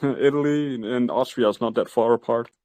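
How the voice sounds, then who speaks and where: A man's voice: medium pitch, normal speed, a little mellow, dry recording. A man in a casual online voice chat, asking for help in an easygoing way and often repeating words as he starts. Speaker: community member asking for help.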